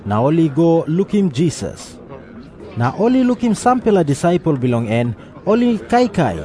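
Mellow, high-voiced Papua New Guinean man narrating. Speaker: scripture narrator. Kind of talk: scripted Bible narration in Tok Pisin.

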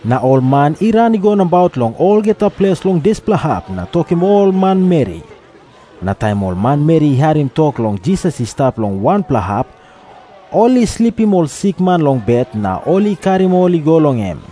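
Mellow, high-voiced Papua New Guinean man narrating. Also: big pitch swings, moderate pace. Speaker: scripture narrator. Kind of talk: scripted Bible narration in Tok Pisin.

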